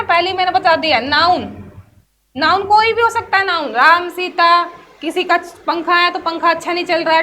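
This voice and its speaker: A woman gives an English grammar lesson in a chatty classroom way, often putting a question and answering it herself. Her voice sits very high and sounds bright and forceful. A faint hiss runs under the recording. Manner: chatty teacher who asks herself questions and answers them. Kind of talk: explanatory class lesson mixing Hindi and English.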